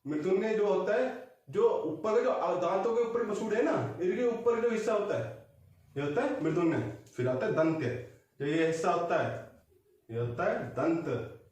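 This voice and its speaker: A man's voice: high voice, expressive, moderate pace, darkish tone, very echoey, far from the mic. A male teacher giving a patient exam-prep lesson, drawing out sounds as he explains them. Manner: explains patiently, draws vowels out long.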